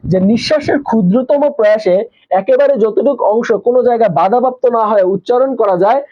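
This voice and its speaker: Male tutor, high voice, repeats and quizzes, muffled lo-fi audio. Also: fast. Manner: repetitive, asks questions and answers them himself. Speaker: teacher. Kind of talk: live online exam-prep class.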